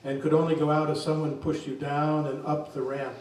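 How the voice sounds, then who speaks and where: A man reading his poems aloud at a reading event, in a slow, measured voice. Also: fairly high pitch, little pitch movement, darkish tone. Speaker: poet reading his work. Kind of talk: poetry reading. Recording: very echoey room, distant mic.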